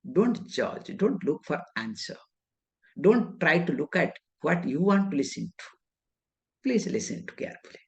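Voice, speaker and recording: A woman spiritual teacher with an Indian English accent delivers a scriptural discourse in an unhurried, measured way. Her lowish voice swoops up and down with lively emphasis. She poses rhetorical questions and answers them herself, dropping Sanskrit terms into her English.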